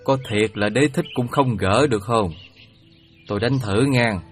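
An actor playing a heavenly god disguised as an old beggar, speaking in a slow, halting, sly way. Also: male voice, on the low side, faint music behind, lightly acted. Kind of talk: radio play acting.

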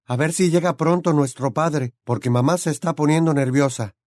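A man reading an audiobook, voicing a cheerful, joking young man in a raised, brighter voice. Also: fairly high pitch, moderate pace, no echo, studio quality, voice pushed up, natural voice. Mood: amused. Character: cheerful young man, dragon keeper, jokey. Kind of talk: audiobook character voice.

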